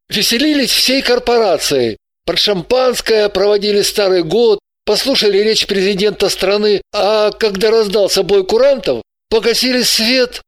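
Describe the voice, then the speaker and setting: Мужчина играет робкого серьёзного молодого человека. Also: male voice, sits high, no room sound, clean studio sound. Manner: soft, hesitant and pleading. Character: shy, earnest young man seeking a killer. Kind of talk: audiobook character voice.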